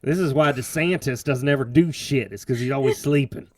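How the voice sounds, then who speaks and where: A man's voice: medium pitch, a little fast. A man co-hosting a podcast, cracking jokes in casual chat. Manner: joking, wisecracking. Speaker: podcast co-host. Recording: distant mic with loud noise.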